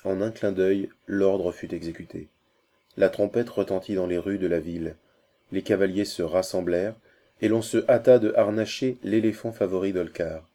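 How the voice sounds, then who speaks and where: A man narrates a classic adventure novel as an audiobook. His voice sits low and sounds mellow and relaxed, and his delivery is measured and steady.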